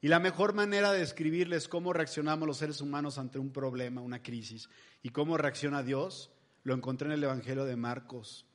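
A man's voice: on the high side, steady tone, brisk, a bit bright. A man preaching a sermon in a chatty, humorous storytelling style. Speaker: pastor.

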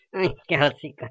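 A fiery, foul-mouthed gossip in a comedy sketch. Her voice sits a little low, but her pitch swings widely as she rants in rural slang. The sound is slightly dull and lo-fi. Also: bright, forceful tone, exaggerated voice.

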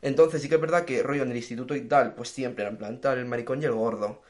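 Fast-talking young man. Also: medium pitch. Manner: fast, slangy, animated storytelling. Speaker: podcast co-host. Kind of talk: casual chat.

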